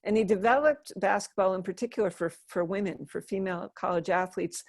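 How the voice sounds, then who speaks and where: A woman's voice: mid-range voice, fairly quick, dry recording, clean studio sound. A middle-aged woman from Western Massachusetts, chatting and laughing as she tells stories in an interview. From Western Massachusetts, USA. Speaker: interview guest. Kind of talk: casual storytelling.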